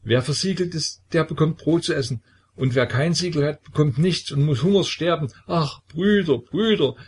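A man's voice: lowish voice, unhurried, darkish tone, husky. A man voicing a young deserter recruit who stammers and pleads tearfully. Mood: sobbing, pleading.

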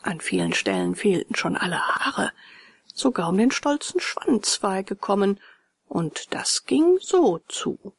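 A woman narrating a children's storybook aloud in an expressive way. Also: mid-range voice, a little slow, gravelly, breathy edge, no room sound, clean studio sound.

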